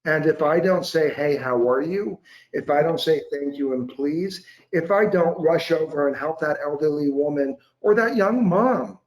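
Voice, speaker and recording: Man, 40s, impassioned storyteller, slightly high voice, echoey home room, video call. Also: normal speed, muffled recording. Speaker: guest. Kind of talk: casual interview chat. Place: home room with large windows.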